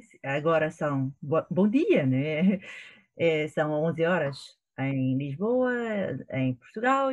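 A middle-aged Chinese woman, a professor appearing as a guest, answers interview questions in Portuguese over a remote call from her home in Shanghai. Chinese is her first language and her accent shows; she replies thoughtfully but hesitantly, with many fillers. Her voice is fairly low and darkish, and the recording sounds muffled.

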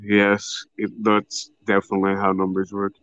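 A man's voice: fairly low pitch, completely flat delivery, moderate pace, a bit bright, clean tone, no echo. A man in casual chat with a friend, teasing and crude, swearing a lot, on a dull lo-fi mic.

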